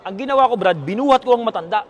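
A man telling a comic story to a group, animated, repeating lines for effect and laughing as he goes. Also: sits high, rapid-fire, lo-fi sound. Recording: loud crowd laughter around him.

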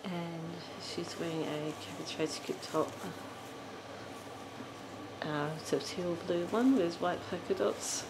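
A woman hosting a doll collector channel, describing a doll in a halting, casual show-and-tell with many ums. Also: lowish voice, vocal fry, very noisy.

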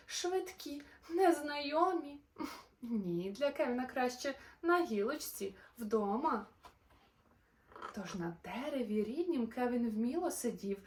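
A woman reading a rhyming children's story aloud. She is expressive and playful, changing her loudness and pace. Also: high voice, recorded from a distance.

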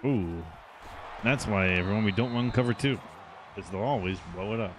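Lowish-voiced guy reacting to his football game, gets excited, noisy background. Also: moderate pace. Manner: excitable, reacting to plays aloud. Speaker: gaming channel host. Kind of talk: video game commentary.

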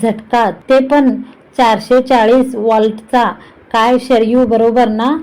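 A woman's voice: on the high side, flat delivery, slow pace, warm tone, poor audio. A woman voicing a breezy, joking young man in a storybook reading. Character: joking carefree young male friend.

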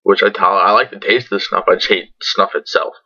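A man's voice: low voice, fairly even intonation, a little fast, pushed and bright. A young man chatting casually to camera in a laid-back, sweary, rambling review, his words slightly muffled by a lip full of dip. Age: young adult. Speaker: tobacco product reviewer. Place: small bedroom, indoors. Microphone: computer webcam at arm's length. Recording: dull lo-fi webcam audio.

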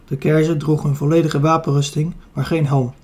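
A man reading a children's adventure audiobook aloud. His voice sits fairly high but stays flat and even, with a mellow, somewhat husky timbre. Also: normal speed. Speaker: audiobook reader. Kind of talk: scripted narration of a children's novel.

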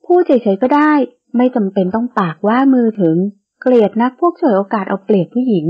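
A woman's voice: fairly high pitch, a little fast, husky. A woman doing a proud scolding heroine. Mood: reproachful. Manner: sharp, scolding, demanding. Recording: dull lo-fi audio.

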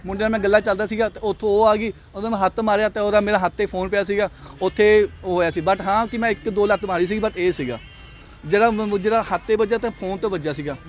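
A man's voice: high-pitched, steady tone, quick pace. A young man, agitated in a street interview, repeating himself. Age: young adult.

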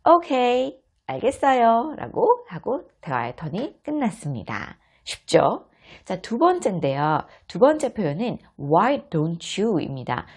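A woman in her thirties with a husky voice, patiently explaining everyday English phrases to parents step by step. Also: lowish voice, very animated, takes it slowly, a little mellow. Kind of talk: explanatory lesson.

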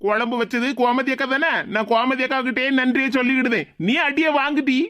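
A woman's voice: sits high, steady tone, brisk, a bit bright, dry recording. A woman voicing a petty, gloating husband in a cartoon, with a Tirunelveli Tamil accent. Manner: gloating, teasing.

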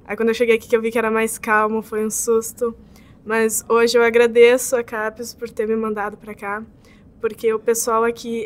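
A young woman, an exchange student in an interview testimonial, chatty and often adding "sabe?". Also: on the high side. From southern Brazil. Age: young adult. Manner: chatty, ends phrases with "sabe?". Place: indoor campus building.

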